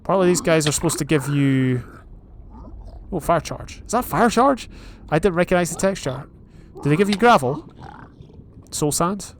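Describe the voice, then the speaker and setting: A young Scottish man with a slightly high, expressive voice talks at a normal pace over a faint hiss or hum. He's a gaming YouTuber doing a casual Minecraft let's play, chatting and thinking aloud as he reads out the achievements he earns.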